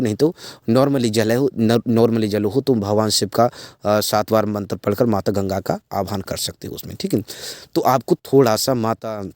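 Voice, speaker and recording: A man's voice: lowish voice, a little mellow, dry recording, studio quality. A man explaining a ritual step by step to his viewers in a rambling way, repeating himself and leaning on filler phrases. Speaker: occult ritual channel host. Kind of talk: spoken ritual instructions to viewers.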